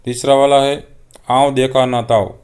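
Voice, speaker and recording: Clear-voiced man teaching, monotone. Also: mid-range voice, a little slow. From Gujarat. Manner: steady, patient, reads items aloud one by one. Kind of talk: explaining homework answers.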